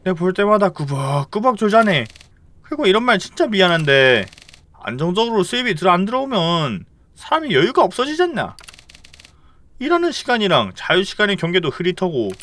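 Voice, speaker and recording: A man's voice: high voice, very animated, fairly quick, fairly bright tone, voice pushed up. A man voicing a caring male friend who nags and lectures in a Gyeongsang Korean accent. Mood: concerned. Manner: fussing, lecturing.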